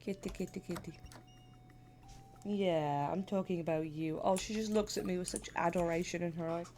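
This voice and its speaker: A woman's voice: on the low side, fairly even intonation, fairly quick, dark tone, slight background noise. A woman streamer chatting casually and playfully while gaming, laughing often and sniffly with a stuffy cold.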